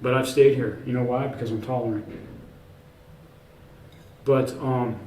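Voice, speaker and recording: A warm, medium-pitched voice with fairly even intonation belongs to an author guest who rambles unhurriedly in a casual in-person interview. He's emphatic and self-assured, though his speech is full of fillers and restarts. Expect slight background noise, an echoey room, a distant mic, and faint ambience.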